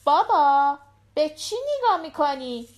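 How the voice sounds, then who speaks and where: A woman's voice: high voice, lively intonation, voice pushed up. A woman voicing a small, talkative little girl who keeps asking questions in a short-story audiobook. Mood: curious. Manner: chatty, questioning, quick. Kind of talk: audiobook character voice.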